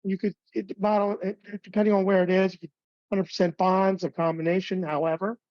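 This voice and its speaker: A man training advisors on planning software in a relaxed, conversational webinar, with fillers and light jokes. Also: sits high, fairly quick, dry recording. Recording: dull, dry webinar audio.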